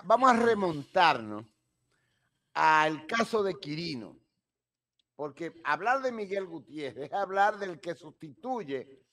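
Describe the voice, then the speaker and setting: Gravelly, high-voiced man in his sixties, emphatic. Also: a bit bright. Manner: deliberate, emphatic, gestures while explaining. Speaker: guest crime analyst. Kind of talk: emphatic studio interview analysis. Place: home office with shelves and flags. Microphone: studio mic on boom arm.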